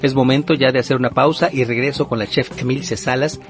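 A man hosting a broadcast interview show, speaking in a measured, formal presenter manner. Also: mid-range voice, steady tone, soft background music. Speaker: radio show host.

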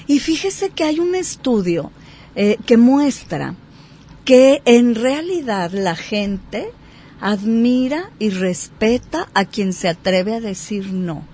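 Animated woman therapist explaining. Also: on the high side, takes it slowly, slightly rough. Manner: animated, acts out example dialogues. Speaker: psychotherapist. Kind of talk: explanatory talk show chat.

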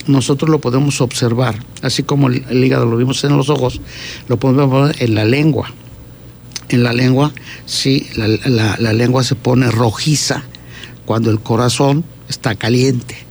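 Gravelly man explaining health habits. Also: mid-range voice, steady tone, normal speed, darkish tone, a little hiss or hum. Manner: keeps checking in with a questioning "¿sí?"; repeats words while gathering thoughts. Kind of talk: explanatory talk on diet and health.

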